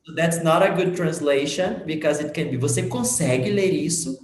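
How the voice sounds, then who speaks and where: A male English teacher giving an online conversation lesson, patiently correcting and modeling pronunciation slowly. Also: on the high side, lively intonation. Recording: echoey room.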